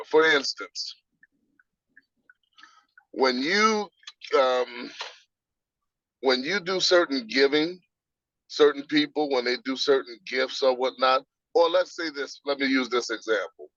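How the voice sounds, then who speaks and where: A man speaking like a preacher, quoting scripture and laying out his points one by one at a middling pitch. His voice comes over a dry, dull video call. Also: slow, pauses often, fairly bright tone, no echo. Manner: preacherly, quotes scripture, explains step by step. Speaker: guest. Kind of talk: casual interview, teaching.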